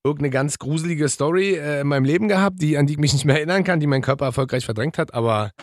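A man's voice: on the high side, very fast, no echo, studio quality. A man co-hosting a podcast, chatting casually and teasing with lots of filler words. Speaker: podcast co-host. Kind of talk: casual chat.

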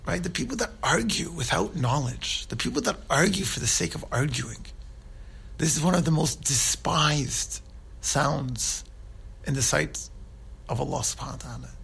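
A man's voice: a little high, animated, moderate pace, gravelly, fairly bright tone, slightly rough. A man giving an informal religious talk, earnest and conversational, who often checks in with his listeners. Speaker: Islamic speaker.

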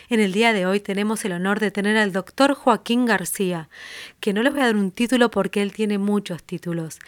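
A woman's voice: mid-range voice, dry recording. A woman hosting an interview podcast, guiding her guest through his story in a friendly, conversational way. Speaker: podcast host.

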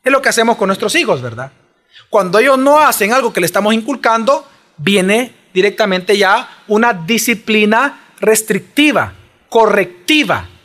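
A man's voice: high-pitched, animated, normal speed, fairly bright tone. A man preaching a sermon, pressing his listeners with emphatic rhetorical questions.

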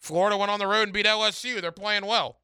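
Male sports radio host, contest promo delivery: very bright, close dry sound, emphatic, repeats himself for punch. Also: high-pitched, fairly even intonation, fast talker, clean tone, no room sound. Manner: emphatic, repeats phrases, direct address to listeners. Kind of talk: radio contest promo, announcing a ticket giveaway to callers. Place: radio studio.

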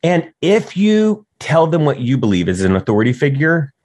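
A man giving conversational advice on teaching youth, animated and often checking in with "right?". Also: a little high, moderate pace, no echo.

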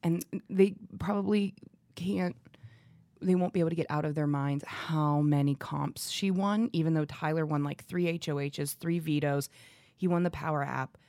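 A woman's voice: low voice, steady tone, normal speed, darkish tone, dry recording. A woman co-hosting a casual podcast chat, confident and talking in long runs, with easy laughter. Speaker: podcast co-host.

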